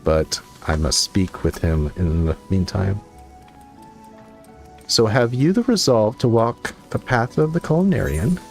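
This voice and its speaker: A man's voice: fairly low pitch, animated, a little slow, gravelly, faint music behind. A man reading the lines of a courteous game guild receptionist in a formal, old-fashioned manner. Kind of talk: reading game dialogue aloud.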